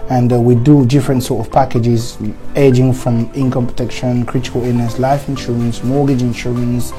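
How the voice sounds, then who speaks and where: A man from Congo, explaining his financial advice work in an interview in a steady, salesman-like way. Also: medium pitch, normal speed, faint music behind. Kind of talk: interview answers.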